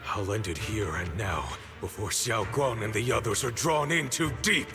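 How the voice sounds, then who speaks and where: A man's voice: lowish voice, moderate pace, music in the background, lightly acted. A man voicing a grim, vengeful, protective warrior in a video game, with an intense dramatic delivery. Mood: grim resolve. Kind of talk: scripted video game voice acting.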